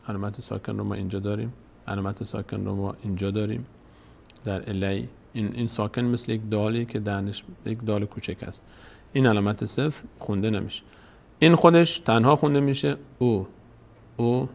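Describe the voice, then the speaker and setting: A man teaching Quran reading step by step. He patiently repeats each point and slowly draws out the recited verses to demonstrate them. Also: fairly low pitch, creaky.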